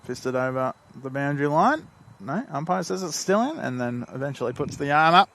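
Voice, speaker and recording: Australian male colour commentator, higher voice, playful, bursts with energy on big plays. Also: fairly quick, gravelly. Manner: joking, gets loud and excited on big tackles. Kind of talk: amateur football commentary.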